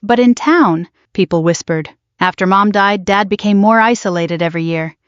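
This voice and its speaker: Sixties lady reading out her story, steady, kinda dull lo-fi sound, dry. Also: medium pitch, moderate pace, clean tone, dry recording. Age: 60s. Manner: steady first-person storytelling. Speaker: narrator. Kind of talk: scripted storytelling narration.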